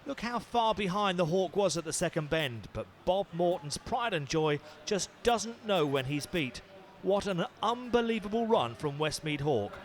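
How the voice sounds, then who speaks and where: A man's voice: high-pitched, big pitch swings, moderate pace, slight background noise. A man narrating a sports review programme in a polished, emphatic voice-over. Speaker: programme presenter.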